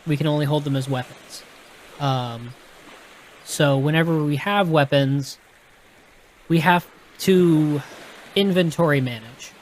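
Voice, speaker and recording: This fairly high-pitched man speaks with a Texan accent, reading from a gamebook and chatting loosely about its rules to a live audience. His manner is casual and explanatory, full of restarts and self-corrections, over slight background noise.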